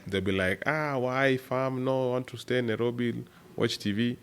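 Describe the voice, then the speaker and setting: With a clean, mid-range voice and moderate pace, a Kenyan startup executive reminisces about farm life as a podcast guest. His storytelling is relaxed and animated, punctuated by laughter.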